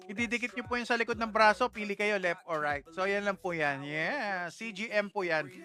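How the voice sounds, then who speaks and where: A woman's voice: medium pitch, fairly quick, bright, forceful tone. A Filipino woman hosting a live stream, chatty and exclaiming as she greets viewers and laughs at her own slips. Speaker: livestream host. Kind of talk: casual live stream shoutouts.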